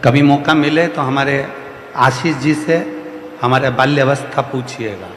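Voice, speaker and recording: Preaching to a live audience, a kathavachak preacher from India repeats emphatic refrains to press his devotional message. His mid-range voice is a bit bright and a little slow, heard in a roomy, echoing hall with faint music and slight background noise.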